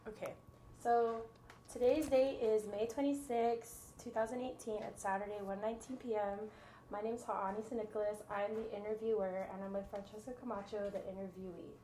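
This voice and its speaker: A woman's voice: mid-range voice, fairly even intonation, a little fast, dark tone, a little hiss or hum, rough recording. A young woman from Guam conducting a casual interview, chatty and giggly, often trailing off mid-sentence. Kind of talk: casual oral-history interview.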